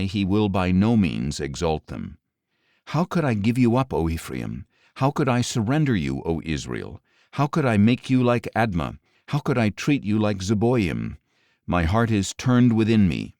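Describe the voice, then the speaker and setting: A man narrating an audio Bible in a measured, solemn scripted reading, his lines falling at the ends. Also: on the low side, darkish tone, no room sound, clean studio sound. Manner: measured, solemn delivery with falling line endings.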